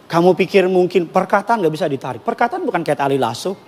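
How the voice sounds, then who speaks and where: A man with a Batak accent preaches to a congregation, his voice sitting high and ringing. He swings between forceful exhortation and quiet, hushed asides, teasing the listeners now and then. The sound carries a long reverb from a large church hall. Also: animated, fast talker. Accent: Batak Indonesian. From North Sumatra (Batak). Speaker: pastor. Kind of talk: sermon.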